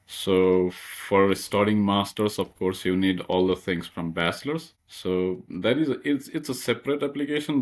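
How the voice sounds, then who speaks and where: A young man from Nepal, a master's student being interviewed, who speaks hesitantly with lots of fillers. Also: deep voice. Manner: hesitant, many fillers and restarts.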